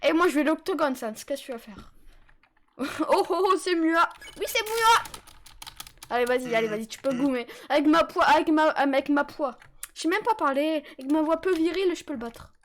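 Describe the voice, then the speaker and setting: A woman with a very high, light voice chats with her live audience through a headset while she plays. She jokes around, teases and lets out sudden excited yelps. Faint keyboard clicks sit under her talk. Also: normal speed, a little hiss or hum. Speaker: streamer. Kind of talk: casual live-stream chat while gaming.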